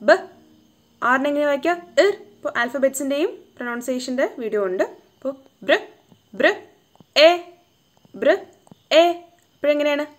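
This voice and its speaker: Lady teacher doing phonics, sounds out each bit slow, bit high voice, keeps asking questions. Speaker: home tuition teacher. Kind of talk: phonics lesson for children.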